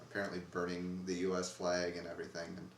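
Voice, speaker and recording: A co-host in a casual discussion rambles and keeps cutting himself off mid-sentence to start over. His low voice is monotone and quick. The room is echoey, with a distant mic and faint noise.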